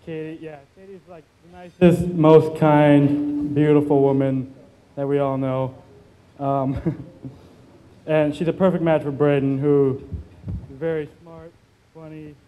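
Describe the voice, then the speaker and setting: A man in his twenties giving an informal wedding toast from notes in a halting, nervous way, with hesitations and broken-off phrases. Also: on the high side, little pitch movement, dark tone. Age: 20s. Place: indoor wedding reception with seated guests. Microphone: microphone on a stand, sometimes handheld. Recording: background noise in reception hall.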